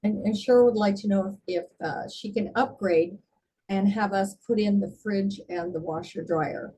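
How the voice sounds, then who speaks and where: A woman co-hosting a casual house tour, passing on questions in halting, hesitant phrases, recorded at a distance from the mic. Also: medium pitch, warm tone. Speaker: co-host relaying viewer questions. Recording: distant mic with clear background noise.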